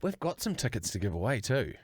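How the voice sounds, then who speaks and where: A man's voice: medium pitch, very animated, fast talker, husky, dry recording, studio quality. A man with a broad New Zealand accent bantering casually as a podcast co-host, slangy, sweary and joking.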